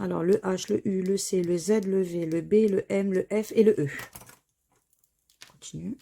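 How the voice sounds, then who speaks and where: A woman's voice: lowish voice, vocal fry, warm tone. A woman chatting casually to viewers as she scratches tickets, spelling out letters one by one. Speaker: scratch-card vlogger.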